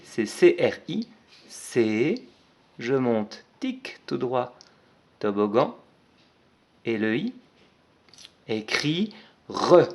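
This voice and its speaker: A man's voice: medium pitch, darkish tone. A man teaching young children to write, spelling out each letter and stroke step by step in a patient, careful way. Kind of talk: handwriting lesson for young children.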